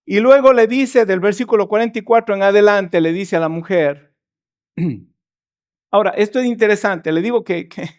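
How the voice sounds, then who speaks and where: Pastor with a high voice preaching in church and acting out the story's lines. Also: male voice, normal speed. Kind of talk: sermon.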